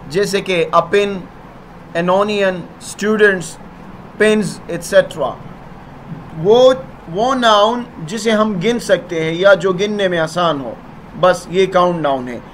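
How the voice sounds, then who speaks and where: Male English teacher, slow and high-pitched, patient explainer, light traffic noise. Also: a bit bright. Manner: patient, repeats "ठीक है ना?" to check understanding. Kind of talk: explaining grammar lesson.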